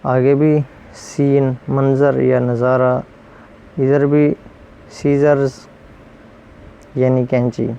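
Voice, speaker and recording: A man teaching English pronunciation, repeating each rule and word slowly and then giving its meaning. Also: medium pitch, flat delivery, vocal fry, mellow, clean tone, lo-fi sound. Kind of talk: explaining pronunciation rules.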